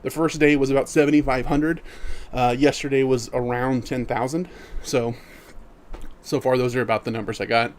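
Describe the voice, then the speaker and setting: A man's voice: mid-range voice, steady tone, normal speed, a little mellow. Easygoing man streaming, walking in place. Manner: reads chat messages aloud and answers them easygoingly; walking in place while talking. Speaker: live streamer. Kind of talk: casual live-stream chat.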